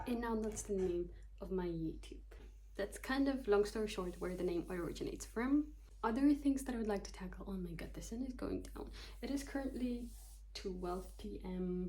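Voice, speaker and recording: A mellow, mid-range woman's voice comes through poor audio. The speaker, a twenty-something psychology student from Kyrgyzstan, chats casually to camera in a vlog, joking about herself while loosely following her notes.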